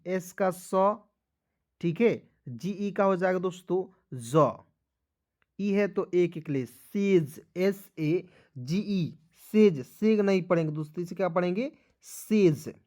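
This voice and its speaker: A man's voice: sits high, slow, a little mellow. A man teaching English spelling and pronunciation, drilling each word and asking the viewers questions back. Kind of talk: spoken spelling lesson.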